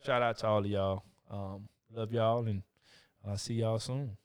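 A man's voice: fairly low pitch, fairly even intonation, measured pace, smooth. A man co-hosting a casual chat podcast, laid-back and slangy with lots of fillers. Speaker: podcast co-host.

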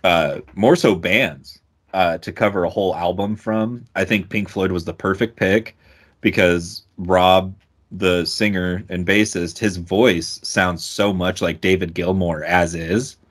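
A young man with a very low, deep voice talks in loose podcast chat. He gushes and curses freely, restarting sentences as he goes. His speech is full of fillers and quick bursts of enthusiasm. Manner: excitable, swears a lot, stumbles over words. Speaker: podcast co-host. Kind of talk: casual music podcast chat.

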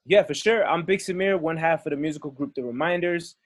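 A man's voice: fairly high pitch, fairly quick, no room sound, studio quality. Easygoing man. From Belgium and Congo. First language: French. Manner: friendly, easygoing storytelling. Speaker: guest musician. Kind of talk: casual podcast chat.

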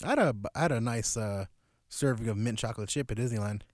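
A man's voice: mid-range voice, fast talker, a little mellow, dry recording, studio quality. Giggly man co-hosting a podcast. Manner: giggly, playful, laughs between lines. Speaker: podcast co-host. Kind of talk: casual chat.

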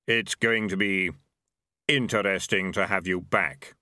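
A man voicing Death, slow and grave. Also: deep voice, steady tone, sharp tone, no room sound, studio quality, full character voice. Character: Death, solemn slow-spoken male personification.

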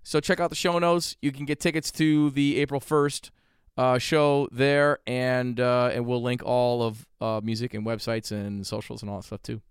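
A man hosting a podcast interview, relaxed and thinking aloud as he talks. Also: mid-range voice, moderate pace, clean tone, no room sound, clean studio sound. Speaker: podcast host. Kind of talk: casual interview chat.

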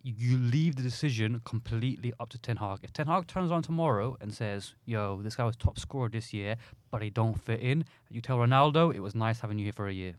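A man's voice: medium pitch, expressive, a little fast, hardly any pauses, no echo. A man with an urban London accent arguing football casually, in an insistent, slangy way. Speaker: football podcast guest.

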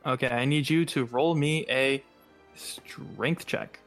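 A man's voice: medium pitch, takes it slowly, fairly bright tone, soft background music. A man narrating and running a tabletop role-playing game as game master, describing scenes plainly.

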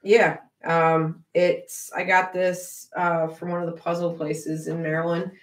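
A woman's voice: fairly low pitch, little pitch movement, measured pace, roomy sound. A woman co-hosting a podcast in casual chat, teasing and laughing often. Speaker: podcast co-host.

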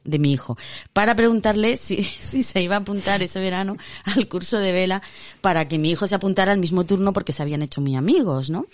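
A woman's voice: deep voice, a little mellow, dry recording. A woman in her fifties chatting casually as a podcast co-host, telling an anecdote with lots of laughter and acted-out dialogue. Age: 50s. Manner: laughing storyteller, mimics dialogue. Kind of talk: casual chat.

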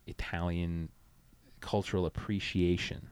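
A man's voice: deep voice, little pitch movement, a little slow, clear, resonant tone, dry recording. A man in his twenties co-hosting a podcast, joking crudely, swearing and laughing often. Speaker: podcast co-host. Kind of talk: crude casual banter.

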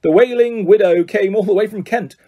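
A man's voice: high-pitched, fairly quick, lo-fi sound, voice pushed up. A man voicing a proud, touchy ghost nobleman. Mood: proud stiff. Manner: stiff, dignified.

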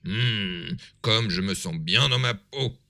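A man voicing a boastful big bad wolf in a storybook reading, loud and swaggering. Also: fairly low pitch, takes it slowly, creaky, full character voice. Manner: loud, swaggering, self-satisfied.

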